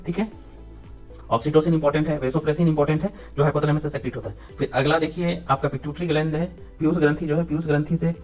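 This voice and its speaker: Fast-talking male biology teacher. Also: fairly high pitch. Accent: Hindi mixed with English terms. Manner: repeats points, ends phrases with frequent checks for understanding. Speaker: exam-prep teacher. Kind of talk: explaining biology lesson for exam students.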